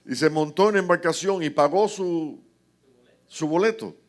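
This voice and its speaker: A Cuban pastor preaches a sermon with passion, addressing rhetorical asides to the congregation and retelling scripture in dramatic quoted voices. His voice is on the high side, and his pace is measured.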